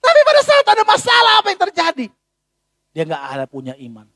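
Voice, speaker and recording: Brief: male pastor, very high voice, lively sermon, dry close sound. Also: fast, dry recording. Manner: animated, rhetorical questions, colloquial.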